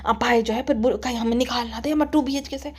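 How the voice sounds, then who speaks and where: A woman voicing a middle-aged mother who gently scolds her daughter in a soft, half-whispered voice. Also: on the high side, steady tone, fast talker, breathy edge, voice pushed down. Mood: chiding.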